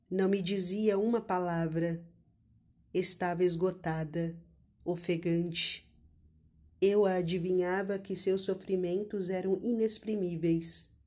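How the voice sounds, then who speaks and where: Solemn woman narrator, low-pitched and unhurried, devotional reading. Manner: slow, solemn and hushed.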